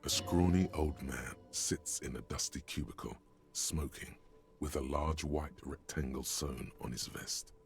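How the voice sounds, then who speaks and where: A deep gravelly game narrator. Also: male voice, steady tone, a little slow. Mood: brooding. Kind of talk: dramatic video game narration.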